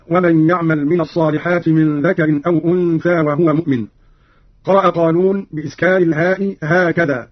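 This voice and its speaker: High-voiced man with formal radio delivery. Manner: measured, precise classical Arabic delivery. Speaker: radio presenter explaining recitation variants. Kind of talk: formal scripted explanation. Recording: muffled, dry old radio recording.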